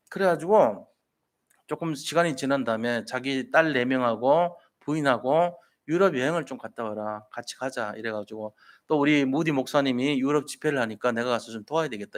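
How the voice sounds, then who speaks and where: A man's voice: mid-range voice, fairly bright tone. Man pastor telling a sermon story. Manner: storytelling with rhetorical questions to the congregation.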